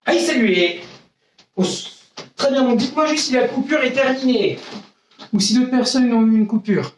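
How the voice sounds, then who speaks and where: A man's voice: extremely high pitch, moderate pace, distant mic, a little hiss or hum. A male karate instructor leads a live online class, barking short counts and commands between patient step-by-step explanations. His voice is heard from some way off the mic. It echoes around a roomy indoor training space.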